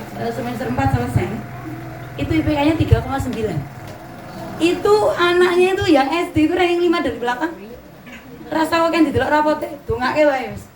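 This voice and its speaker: A middle-aged woman with a Javanese accent gives a chatty, anecdote-filled religious talk to mothers, slipping in Javanese words. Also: sits high. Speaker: religious teacher. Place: open pavilion hall. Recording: roomy echo, distant mic, ambient noise.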